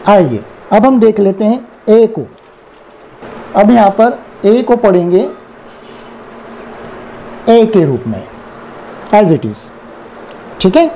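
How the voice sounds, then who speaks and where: A man's voice: high voice, big pitch swings, slow, pauses often, dark tone, a little hiss or hum. A man with an Indian accent teaching English phonics, spelling words letter by letter and repeating them. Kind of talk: slow explanatory phonics lesson.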